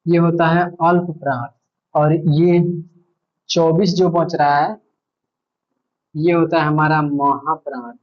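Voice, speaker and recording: A man's voice: on the high side, fairly even intonation, slow pace, long pauses, highs cut off. A male teacher giving an online grammar lesson, patiently repeating points and asking himself questions.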